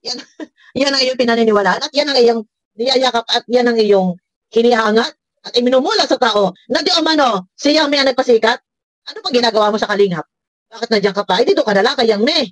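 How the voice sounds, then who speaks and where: High-voiced scolding woman vlogger. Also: fairly quick, no echo. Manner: scolding, sarcastic, laughs often. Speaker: reaction vlogger. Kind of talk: reaction commentary.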